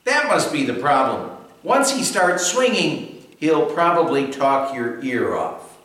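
Slow-speaking pastor in an echoey room. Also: male voice, on the high side, very animated, a bit bright, far from the mic. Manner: storytelling with a joke, then earnest reflection. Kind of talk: devotional sermon.

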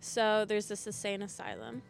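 A giggly, animated woman chats as a podcast guest, and her pitch sits in the middle range. She is recorded outdoors in a park gazebo. Birdsong and faint Christmas music play in the background. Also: normal speed, creaky. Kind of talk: casual chat, telling a joke.

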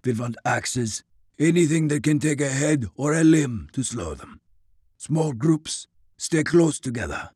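A stern, commanding soldier, as a male narrator puts him on, clipped and loud, his pitch pushed up above the narrator's. Every sentence lands like an order. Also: animated, unhurried, slightly rough, dry recording, studio quality.

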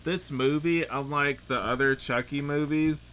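A man's voice: a little high, steady tone, a little slow, fairly bright tone. A man chatting casually as he reviews a film, rambling and leaning heavily on filler words. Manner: rambling, filler-heavy, says "like" often. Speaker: podcast movie reviewer.

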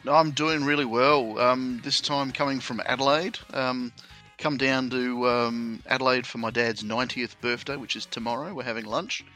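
A man's voice: mid-range voice, steady tone, normal speed, pushed and bright, faint music behind. A middle-aged man chatting casually as a podcast co-host. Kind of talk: casual chat.

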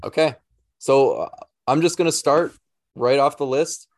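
A man's voice: mid-range voice, a little slow, no echo, studio quality. A man co-hosting a casual podcast, easygoing and hesitant, often restarting his sentences. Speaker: podcast co-host.

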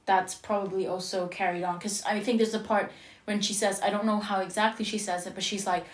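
Casting note: woman, mid pitch, loose rambling chat, roomy echo. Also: fairly even intonation, brisk. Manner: rambling, full of "like". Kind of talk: casual film discussion. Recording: echoey room.

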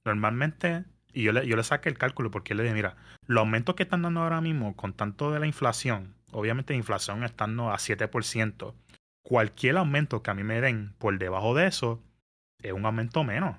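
A man, telling a story in casual podcast chat, animated and mixing in English words. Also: mid-range voice, a little fast. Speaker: podcast guest. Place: New York area.

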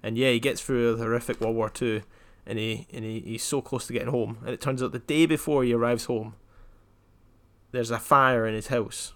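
A young man from Scotland in casual podcast chat, telling jokes in a flat deadpan way and wandering off on tangents. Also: mid-range voice, moderate pace. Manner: deadpan, rambling joke-telling. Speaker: podcast co-host.

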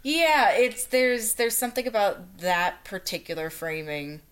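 A woman's voice: medium pitch, animated, unhurried, fairly bright tone, clean tone. A woman co-hosting a podcast, discussing a TV episode with dry, wry analysis. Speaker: podcast co-host. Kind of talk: casual chat about a TV episode.

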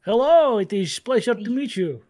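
A woman voicing a big, hearty male dwarf adventurer in a gruff voice, boisterous and affectionate, with stilted grammar in a tabletop game. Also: on the high side, lively intonation, moderate pace, mellow, soft background music, pitched above the performer's own voice, close to an everyday voice. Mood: friendly. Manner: stilted grammar, drops articles.

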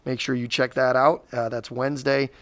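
A man's voice: mid-range voice, flat delivery, moderate pace, a bit bright, no echo. Rambling man co-hosting a school podcast. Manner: rambling with frequent restarts. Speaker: school district podcast co-host. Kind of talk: casual chat.

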